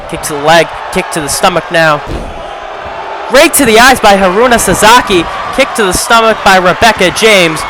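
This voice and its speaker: A man calling a video game wrestling match play-by-play, often shouting, his voice going hoarse. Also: sits high. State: losing his voice. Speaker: play-by-play commentator. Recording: crowd noise and game sound behind.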